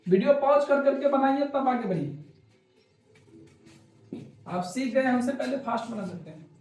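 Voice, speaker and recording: In a classroom lecture, a man teaches chemistry, coaxing his students by repeating his points and asking questions he answers himself. His voice is very high-pitched and expressive with a darkish tone, at a measured pace in a reverberant space.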